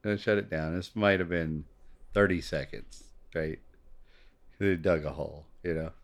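A man's voice: low-pitched, steady tone, normal speed. A male podcast co-host telling a story in casual chat, laid-back, laughing often and swearing casually.

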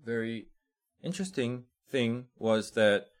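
A man from South Korea with a Korean accent, speaking English as a second language, answering interview questions in a halting way as he searches for words. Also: medium pitch, smooth. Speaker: chocolate shop owner, guest.

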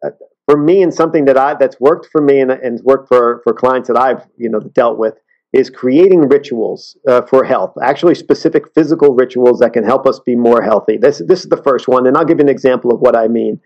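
Earnest halting man, lo-fi sound. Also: medium pitch, darkish tone. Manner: earnest, halting, many restarts. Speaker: guest. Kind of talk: casual interview talk.

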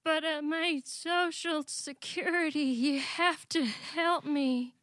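A woman voicing a frail elderly customer in a musical comedy, pleading in a shaky, hushed old voice. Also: high-pitched, fairly even intonation, takes it slowly, no room sound.

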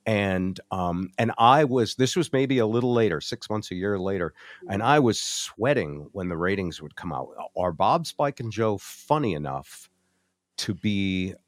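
A man's voice: lowish voice, animated, unhurried, no echo. A middle-aged American man, a former radio host, casually reminiscing and acting out old exchanges as he tells the story. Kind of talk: casual reminiscing on a group call. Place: video call.

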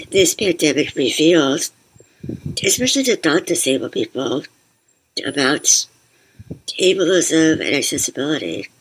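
Female podcast host, low-pitched, very husky and breathy. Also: rough recording. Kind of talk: podcast introduction and interview.

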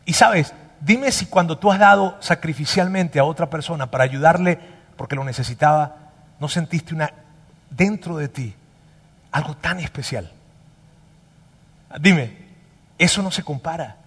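A man preaching a sermon as pastor, emphatic and animated, dropping to a hush and then rising loud again. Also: on the high side, unhurried, long pauses, slightly rough, long reverb tail.

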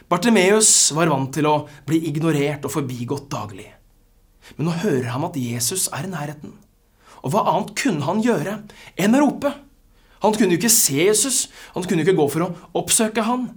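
A preacher delivering a sermon with a husky voice, swinging dynamics and phrases that fall to near-whispers. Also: mid-range voice.

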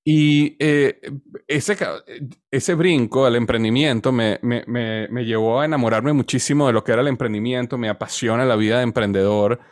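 Telling his story as a podcast guest, a man in his forties answers an interview question in a relaxed, hesitant manner, repeating words as he gropes for them. He has a mid-range voice, speaks at normal speed, and carries a Venezuelan Spanish accent. There's no room sound, just clean studio audio.

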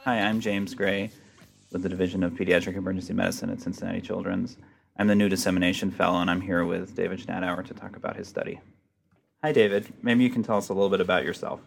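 A man interviewing a doctor, a medical fellow asking brisk, friendly questions. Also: sits low, steady tone, creaky, faint music behind.

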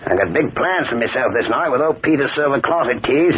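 A boastful master thief, acted by a man, swings his lively voice up and down with hearty swagger. The dull old radio recording has a faint hiss. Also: mid-range voice, brisk, lightly acted.

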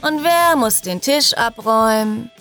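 A woman's voice: fairly high pitch, expressive, measured pace, a bit bright, soft background music. Woman as a sulky young hacker woman, sarcastic, storybook. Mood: grumbling.

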